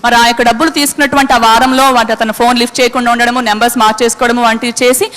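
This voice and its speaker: Fast-talking woman in a reverberant church. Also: on the high side, flat delivery, fairly bright tone. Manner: formal, with many filler words. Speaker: church announcer.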